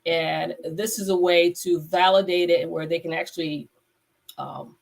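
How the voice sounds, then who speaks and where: Unhurried and steady, with vocal fry in her lowish voice, a veterinarian who hosts a podcast chats on a casual live stream over a video call. A cold leaves her congested, and she rambles, restarting often and using many fillers.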